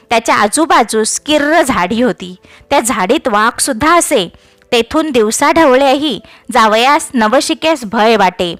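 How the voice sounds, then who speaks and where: A woman narrating a classic story in an expressive, measured reading. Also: on the high side, no echo.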